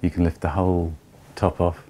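A man in his fifties giving a measured, step-by-step tour of an old barge's wooden hold. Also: low voice, level tone, dark tone. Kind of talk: explanatory walking tour.

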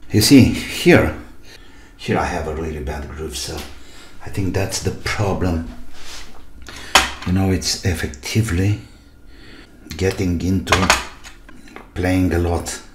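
Working at the desk of his cramped home workshop, a middle-aged hobby repairer narrates his own video in a relaxed way, voicing quick thoughts and self-directed questions. His voice is deep, his pace slow, and he pauses often. The sound is echoey, noisy and full of clicks.

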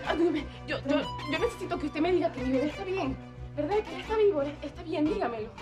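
A woman's voice: sits high, expressive, fast talker, music in the background. An actress playing a young mother who pleads and sobs, frantic over her missing baby, in a telenovela. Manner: pleading, sobbing. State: crying. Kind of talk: telenovela acting.

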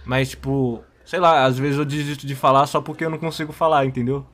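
A man's voice: medium pitch, steady tone, brisk, a bit bright. A young man with a Brazilian Portuguese accent, chatting casually in slang with a slushy, tongue-tied lisp and muddy diction. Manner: slangy, laughs often. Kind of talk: casual chat over gameplay.

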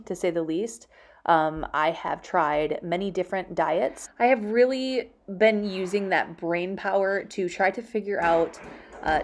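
A homemaking vlogger in her thirties answers questions casually with a lowish voice, speaking candidly and reflectively as she explains things.

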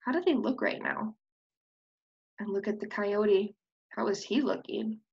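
This young woman, a preschool teacher, uses an unhurried, mid-range voice that is gravelly with a breathy edge. She reads a children's storybook aloud with expression and prompts with questions, recorded on a computer microphone during an indoor screen-share video call with slightly dull webcam audio.

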